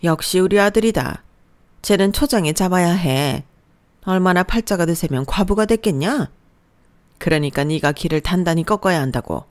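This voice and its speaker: A woman's voice: lowish voice, animated, normal speed, a little mellow, natural voice. A woman voicing a contemptuous older mother-in-law who nags and belittles, in a storybook narration with acted dialogue. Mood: sneering. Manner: sneering, nagging, belittling.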